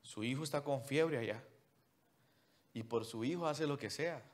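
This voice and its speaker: A man preaching a sermon as pastor, swinging from loud emphatic calls to near-whispers and addressing listeners directly with repeated commands. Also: medium pitch, normal speed. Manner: mocks what churchgoers say in a whiny put-on voice.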